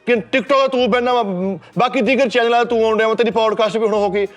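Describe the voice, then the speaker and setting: A man's voice: very high voice, fairly even intonation, fast talker, soft background music. A man in a comedy sketch, stubbornly scolding and brushing others off. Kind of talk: rapid comic banter.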